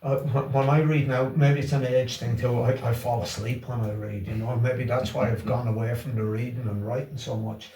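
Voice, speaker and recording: This Irish language class organiser, a middle-aged or older Wexford man, speaks in a warm, steady, mid-range voice at a moderate pace with hardly any pauses, though he still hesitates and repeats himself in the casual interview. There's a little hiss or hum, a roomy echo, and he sounds far from the mic.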